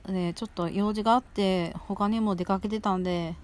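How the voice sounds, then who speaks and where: A woman's voice: medium pitch, fairly even intonation, normal speed, a little mellow. Woman chatting casually while chewing. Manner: chewing while talking, mouth often full. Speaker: solo audio show host. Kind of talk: casual chat while eating.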